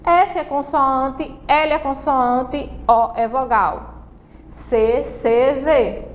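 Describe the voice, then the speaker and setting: High-voiced Brazilian teacher, slow and patient. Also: female voice, steady tone, a little hiss or hum. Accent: Brazilian Portuguese. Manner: slow, spelled-out letter-by-letter explanations with frequent check-ins. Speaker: primary school teacher. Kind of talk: televised lesson for children.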